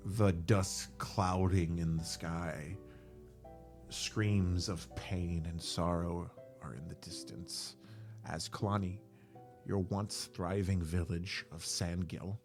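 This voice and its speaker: Man, game master, deep voice, unhurried, halting narration, fillers. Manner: halting, with frequent fillers and self-corrections.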